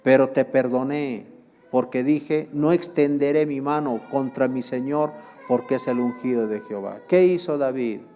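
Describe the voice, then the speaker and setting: A man's voice: medium pitch, moderate pace, dark tone. A male pastor preaching a sermon, with repeated phrases, rhetorical questions to the congregation and emphatic exclamations.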